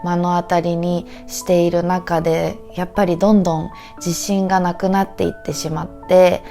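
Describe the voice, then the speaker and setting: A Japanese woman with a Japanese accent and a cute, high, anime-like voice, talking earnestly and gratefully to camera as a teacher. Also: flat delivery, normal speed, gravelly, dark tone, soft background music. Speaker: Japanese teacher and video creator. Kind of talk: heartfelt talk to camera.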